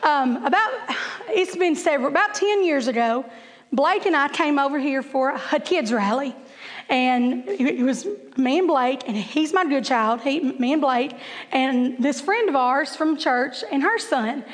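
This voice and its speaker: A woman's voice: high-pitched, animated, a little slow, in a large hall. A woman and kindergarten teacher, telling chatty, self-deprecating stories to a church group, laughing often and stuttering at times. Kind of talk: humorous storytelling talk.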